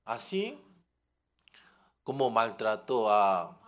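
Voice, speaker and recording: Male preacher, very slow, animated, keeps asking the audience questions. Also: on the low side. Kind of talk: sermon.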